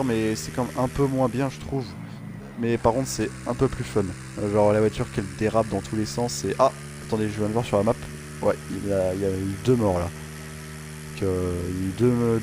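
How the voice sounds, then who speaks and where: A man's voice: on the low side, steady tone, normal speed, background noise. A man casually commentating over his own racing gameplay, rambling and joking with many fillers and restarts. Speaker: gaming channel host. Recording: game sounds and music behind.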